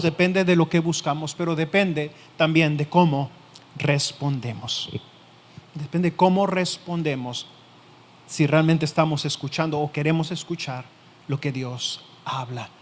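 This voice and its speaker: A man preaching a sermon who speaks straight to the listener, repeats his key phrases and lets the ends of sentences sink to a hush. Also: on the high side, fairly even intonation, unhurried. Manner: direct, addresses the listener as tú. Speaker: pastor.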